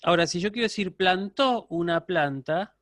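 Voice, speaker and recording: A man's voice: sits high, normal speed, fairly bright tone, dry recording, studio quality. A man giving a university lecture online, explaining step by step and checking in with his students. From Argentina.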